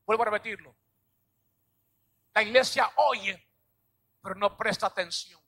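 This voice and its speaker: A male pastor preaching a sermon, dramatic, acting out little scenes and shouting key lines. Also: high-pitched, unhurried.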